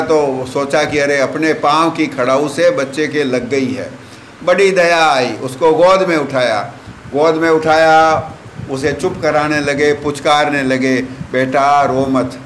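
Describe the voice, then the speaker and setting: A man's voice: a little high, fairly bright tone. A man preaching in a slightly raised voice, telling a devotional story and acting out what its people say. His voice rings in a roomy, echoing space with a faint hum of ambient noise behind him. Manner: retells a saint's tale, acting out the dialogue. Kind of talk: sermon storytelling.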